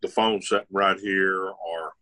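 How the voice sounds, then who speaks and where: A man's voice: low voice, steady tone, unhurried, pushed and bright. An older man, a former tour golfer co-hosting a podcast, talking bluntly and instructively. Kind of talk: casual chat.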